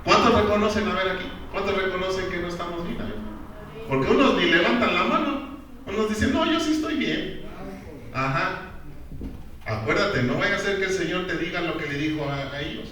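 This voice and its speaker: A man's voice: high-pitched, quick pace, pushed and bright, a little hiss or hum. A man preaching a sermon as a pastor, emphatic and often putting questions straight to the congregation. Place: church hall. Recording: very echoey church hall from far off.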